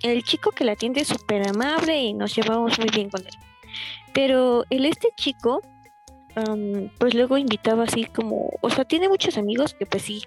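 A young woman with a Mexican accent telling a story in a casual, chatty way, full of fillers and laughs. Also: a little high. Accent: Mexican Spanish. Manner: laughs often, chatty fillers, animated retelling.

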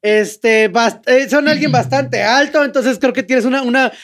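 Mexican male host, very high pitch, playful and teasing, slang-heavy. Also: measured pace, fairly bright tone. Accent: Mexican Spanish. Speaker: podcast host. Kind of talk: casual interview chat.

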